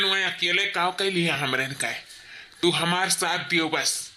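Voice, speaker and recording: A man's voice: fairly high pitch, pushed and bright, slight background noise. A man doing a sly scheming Awadhi lover. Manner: sly, soothing, slow murmuring. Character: scheming young male lover, low and sly.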